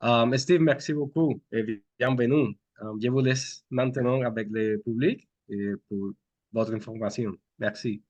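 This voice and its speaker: A man hosting an online meetup, opening it with a formal, measured welcome. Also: mid-range voice, a little mellow, no room sound, lo-fi sound. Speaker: host introducing a speaker.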